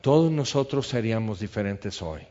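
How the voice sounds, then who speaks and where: Man, sermon, acts out scenes, lowish voice, dull sound. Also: normal speed. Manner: animated, acts out biblical dialogue. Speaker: preacher.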